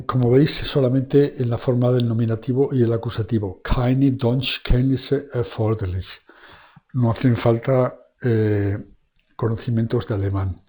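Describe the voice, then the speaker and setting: Man, mellow voice, casual teacher, chatty with fillers, slow careful example sentences. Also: mid-range voice. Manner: relaxed, chatty, many fillers, reads German examples slowly. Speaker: German language teacher. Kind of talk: casual online lesson, explaining grammar.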